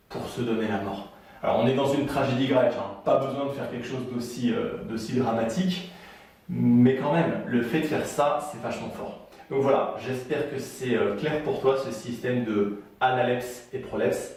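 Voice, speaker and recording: A man's voice: mid-range voice, darkish tone. Echoey, distant male writing coach. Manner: chatty, frequent fillers and restarts. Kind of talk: casual video lesson.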